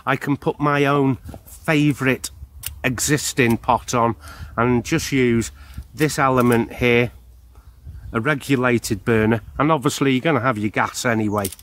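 A man in his fifties, outdoors in a wood, chattily explaining his camping stove gear to a close handheld camera. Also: medium pitch. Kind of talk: casual product demonstration. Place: woodland outdoors beside a hammock.

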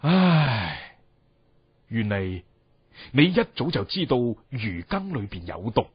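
A man voicing a sorrowful, guilt-ridden male scholar-official in a dramatic told story, husky and sighing. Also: mid-range voice, very animated, takes it slowly, heavily acted. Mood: sorrowful, guilty. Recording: dull, roomy recording with music.

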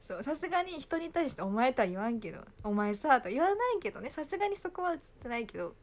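Young woman, slightly high voice, chatty and giggly, casual phone livestream. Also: big pitch swings, rapid-fire, a little mellow. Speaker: idol livestreaming to fans.

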